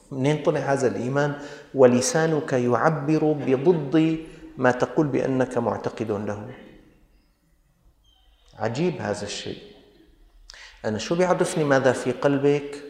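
A man's voice: mid-range voice, normal speed, long pauses, darkish tone. A man with a Levantine Arabic accent preaching a sermon, scolding his listeners with pointed rhetorical questions. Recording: echoey hall.

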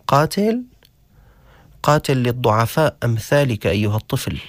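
A man hosting a story show, narrating a cautionary tale slowly and deliberately, with dramatic pauses. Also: medium pitch, no room sound. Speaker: storyteller host.

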